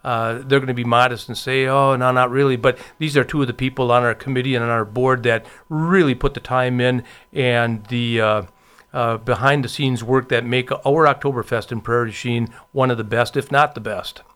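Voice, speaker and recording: A man speaks as a guest in a casual interview, chatty and full of "uh" pauses. His voice sounds clear and resonant. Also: mid-range voice, fairly even intonation, a bit bright. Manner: chatty, many filler pauses. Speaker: festival committee member, guest.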